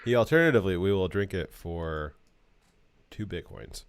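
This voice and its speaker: A man co-hosting a casual livestream show, relaxed and chatty, cooing over animal pictures. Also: sits low, moderate pace, smooth, dry recording. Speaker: podcast co-host.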